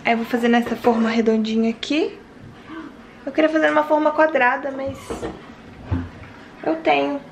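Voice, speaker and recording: A young woman vlogging casually at home, chatting and talking softly to her new baby. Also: sits high, steady tone, normal speed, creaky, long pauses, slight background noise. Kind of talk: casual home vlog chat. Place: home kitchen.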